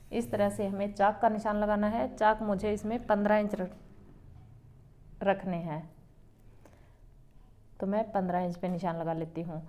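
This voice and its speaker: A woman who runs a boutique, calmly explaining step by step how to cut a garment as she works. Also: mid-range voice. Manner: calm, explains each step while working. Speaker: boutique owner teaching tailoring. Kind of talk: step-by-step sewing tutorial.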